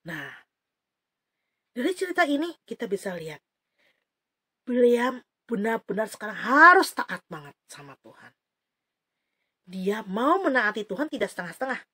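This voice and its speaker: A woman's voice: a little high, sing-song, moderate pace, pauses often, bright, forceful tone, breathy edge. A woman teaching Sunday school, telling a Bible story to children with sound effects and chatty asides.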